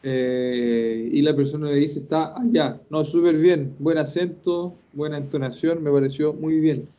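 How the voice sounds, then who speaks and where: A man runs a casual online class, talking in a chatty, encouraging way and often repeating himself. His voice sits a little high and sounds mellow. The call audio is dull and lo-fi. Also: a little slow. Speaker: host and Japanese teacher.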